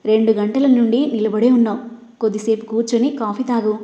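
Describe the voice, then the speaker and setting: A woman's voice: a little high, fairly even intonation, brisk, warm tone, lightly acted. A woman voicing a kind, motherly middle-aged housemaid. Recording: roomy, dull lo-fi.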